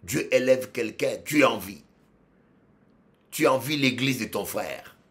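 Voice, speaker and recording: A male pastor delivers a sermon with lively, swooping pitch. He talks at an unhurried, deliberate pace, repeating phrases, dropping to murmurs and then rising into shouts. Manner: animated preaching, swings from low murmurs to shouts, repeats phrases.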